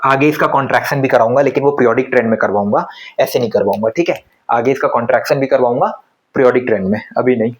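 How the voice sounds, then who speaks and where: A man teaching chemistry in a casual lecture style. He talks conversationally and keeps firing quick questions at students, then answers them himself. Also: mid-range voice, slightly rough, low-quality recording. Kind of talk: classroom lecture.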